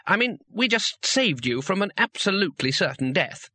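An earnest tourist speaks politely and a bit hesitantly, as a man voices him in a raised, lighter voice. The sound is bright and dry, like a read-aloud storybook. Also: high-pitched, sing-song, moderate pace, dry recording, pitched above the performer's own voice, full character voice. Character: polite, eager male foreign tourist.

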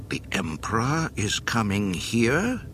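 A man's voice: fairly low pitch, very animated, takes it slowly, a bit bright, slight background noise, voice pushed up, full character voice. A man voicing a nervous middle-aged station commander, anxious and deferential.

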